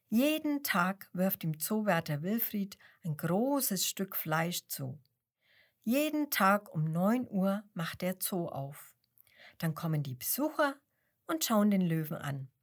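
A woman narrating a children's story in a gentle, expressive reading style. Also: medium pitch.

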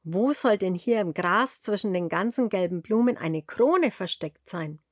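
A woman voicing an excited, cheerful little piglet in a children's story, with a high, squeaky, bouncy voice. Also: measured pace, no room sound, clean studio sound. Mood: curious.

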